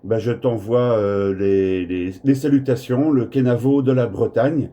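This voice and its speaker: A man with a dark, mid-range voice chats casually over amateur radio at a measured pace, hesitating and repeating words. It's relaxed radio-contact talk, captured on a smartphone in the room.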